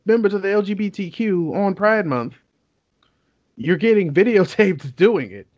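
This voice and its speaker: A man from Oakland joking and teasing on a casual podcast, with a voice pitched a bit high for a man. The recording is dull and lo-fi, and it sounds dry with no room around it. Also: expressive, moderate pace, no echo. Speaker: podcast co-host.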